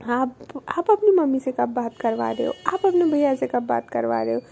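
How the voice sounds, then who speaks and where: A woman's voice: high voice, lively intonation, normal speed, vocal fry, mellow, exaggerated voice. A woman voicing a touchy, jealous young woman in a spoken love story, sulky and pouting.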